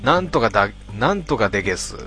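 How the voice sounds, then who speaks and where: A man casually reading out listener posts and answering each one with dry, deadpan remarks. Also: medium pitch, fast. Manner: deadpan, wry retorts between readings. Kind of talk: casual commentary reading comments.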